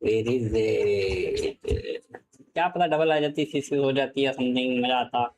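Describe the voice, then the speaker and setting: Excitable Indian game streamer, man. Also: mid-range voice, takes it slowly, rough recording. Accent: Indian English. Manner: excitable, swears, switches between Hindi and English mid-sentence. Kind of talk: live gaming stream commentary.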